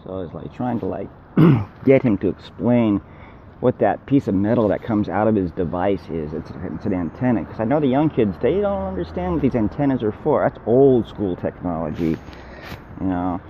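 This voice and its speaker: Grumbling low-voiced man on a muffled phone. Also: big pitch swings, moderate pace. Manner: grumbling, complaining, repeats himself. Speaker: vlogger. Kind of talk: casual rambling chat to camera. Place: outdoors, car window and laundromat. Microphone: phone held at arm's length. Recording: muffled handheld phone recording with hum.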